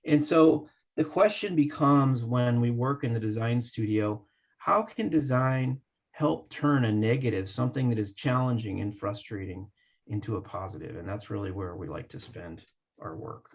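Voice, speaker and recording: A man's voice: mid-range voice, normal speed. A man giving an online lecture on design with slides, thoughtful and full of fillers and restarts, his call audio choppy and robotic. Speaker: landscape architecture professor. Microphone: computer mic on a video call.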